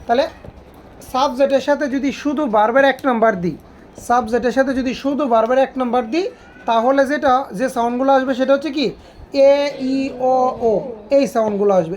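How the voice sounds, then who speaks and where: A woman's voice: high voice, slight background noise. A woman English teacher, giving a classroom grammar lesson and asking her students questions again and again. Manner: asks students repeated questions.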